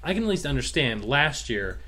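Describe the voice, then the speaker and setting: A man's voice: mid-range voice, big pitch swings, fairly quick, pushed and bright. Argumentative man on a sports talk show. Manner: argumentative, plays devil's advocate. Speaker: co-host.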